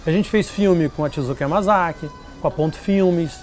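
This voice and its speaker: Animated storytelling man, slightly high voice. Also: normal speed, faint music behind. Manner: animated, acts out quoted voices. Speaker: interviewee. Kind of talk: casual storytelling interview.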